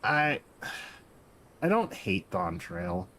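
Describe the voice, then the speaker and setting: A man's voice: fairly low pitch, huge pitch swings, extremely slow, a bit bright, a little hiss or hum. A man streaming a game, chatting casually and correcting himself as he rambles. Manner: rambling, self-deprecating, corrects himself mid-sentence.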